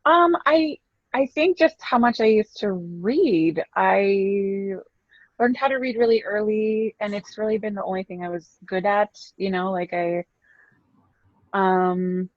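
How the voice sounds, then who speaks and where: In a casual interview, a woman author chats easily, laughs often and hesitates with ums. Her mid-range voice moves a little slowly, and the dry recording sounds slightly muffled.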